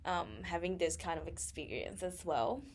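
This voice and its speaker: A young Thai woman co-hosts a casual podcast, telling her story with lots of fillers and self-corrections and laughing easily. Her voice sits on the low side with a breathy edge, at a normal speed.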